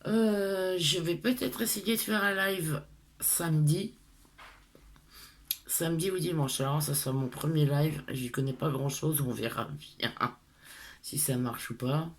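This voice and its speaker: A woman's voice: low-pitched, a little slow. A middle-aged woman from France with a lisp on her s sounds, chatting casually to her followers in a hesitant, rambling, self-deprecating way. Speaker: craft tutorial vlogger.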